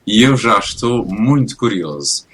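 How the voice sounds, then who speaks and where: A man's voice: lowish voice, animated, unhurried, a crowd in the background. A man hosting a casual radio interview, talking hesitantly with frequent fillers and restarts. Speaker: radio host.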